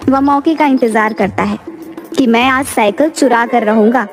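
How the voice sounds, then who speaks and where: A woman's voice: a little high, normal speed, faint music behind. A woman narrating a cartoon story in a plain storytelling manner.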